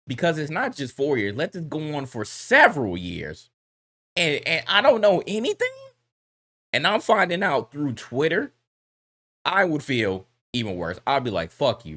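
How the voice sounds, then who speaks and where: A man hosting a reaction video, talking in an animated, heated, blunt way with slang and swearing. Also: fairly high pitch. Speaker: reaction commentary host. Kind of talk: casual reaction commentary.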